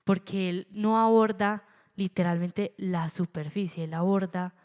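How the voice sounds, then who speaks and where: A woman with a Colombian accent preaching a sermon, animated and acting out the voices she quotes. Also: mid-range voice, measured pace. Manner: animated, acts out quoted voices, stutters for effect. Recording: long hall reverb.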